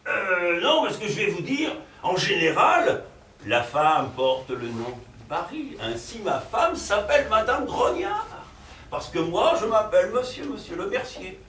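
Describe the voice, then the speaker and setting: A fussy, excitable professor who chases a little affair, as a man plays him on stage. He talks slowly in a high voice that swoops up and down, full of theatrical asides. The sound is roomy and heard from a distance across a stage, with a faint murmur behind. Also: a little hiss or hum, heavily acted. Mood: comic. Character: bumbling middle-aged male provincial professor, lecherous and fussy. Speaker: stage actor. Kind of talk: live stage comedy performance.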